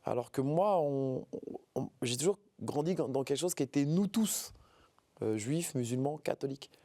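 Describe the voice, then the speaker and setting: Warm-voiced hesitant man in his forties. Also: medium pitch, animated, normal speed, dry recording. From France, Paris suburbs. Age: 40s. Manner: hesitant, repeats words, heartfelt. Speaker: interview guest, comedian. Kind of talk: earnest interview talk.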